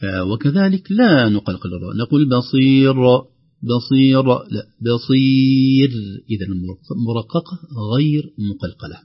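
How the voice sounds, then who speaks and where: A man gives a radio lesson on Quran recitation. His voice is husky and his delivery is calm, slowing right down whenever he demonstrates a word. The sound is a dull, lo-fi broadcast. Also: mid-range voice. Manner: explains calmly, slowly modelling word pronunciations.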